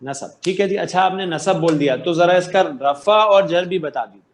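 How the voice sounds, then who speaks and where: A man teaching an online Arabic grammar class, quizzing students patiently and affirming their answers. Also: high-pitched. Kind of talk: interactive online class lecture.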